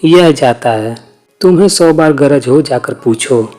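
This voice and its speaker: A man voicing a sharp-tongued young village wife in a storybook reading, taunting with a raised voice. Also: medium pitch, a little slow, soft background music, lightly acted.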